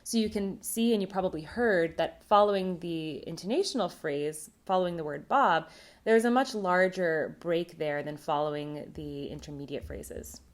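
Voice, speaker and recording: A woman presenting a recorded academic conference talk on linguistics, explaining terms in a clear, measured way. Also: on the low side.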